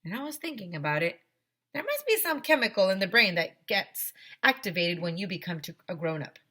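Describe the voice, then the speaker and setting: A woman teacher reads a children's story to her students with lively expression, animated emphasis, and asides spoken straight to the kids. Her voice is mid-range and a little fast.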